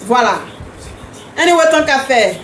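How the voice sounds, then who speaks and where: A woman's voice: high voice, expressive, measured pace, a bit bright, reverberant, a little hiss or hum. A woman hosting a live stream, chatting casually and teasingly with viewers, repeating herself often. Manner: repetitive, teasing, talks straight to commenters.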